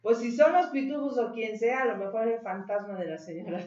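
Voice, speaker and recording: A woman's voice: on the high side, brisk, muffled recording, a crowd in the background. Joking woman co-host, far and roomy. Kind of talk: casual banter on a talk show. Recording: distant mic in a roomy space with people nearby.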